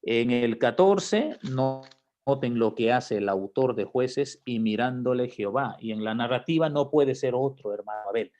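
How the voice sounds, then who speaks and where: A man preaching a Bible class, moving from soft talk to loud, impassioned quoted lines. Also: mid-range voice, moderate pace, dull audio. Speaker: pastor teaching a Bible class.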